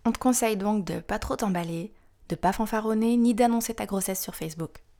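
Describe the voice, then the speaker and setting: Frank, gravelly woman podcast host. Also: mid-range voice, fairly quick, dark tone. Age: 30s. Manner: frank, wry, confiding. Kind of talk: scripted podcast narration.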